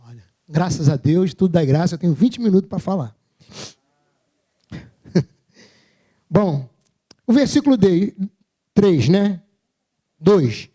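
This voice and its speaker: A man's voice: high-pitched, expressive, slow pace, long pauses, mellow. A Brazilian man preaching a sermon at a church service, telling personal stories in a humorous, self-mocking, conversational way.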